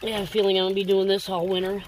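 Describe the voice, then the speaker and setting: A woman filming a casual vlog outdoors at her backyard pond. She gushes over her koi and coos at them. Her voice sits at an ordinary middle pitch. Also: little pitch movement, rapid-fire, noisy background. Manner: gushing, coos to her fish. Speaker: koi farm owner.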